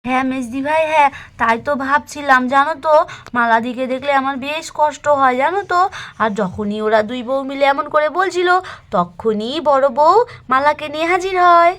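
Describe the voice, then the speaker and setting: A woman voicing the youngest daughter-in-law in a doll story, talking quickly and fussing excitedly. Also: high voice. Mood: eager.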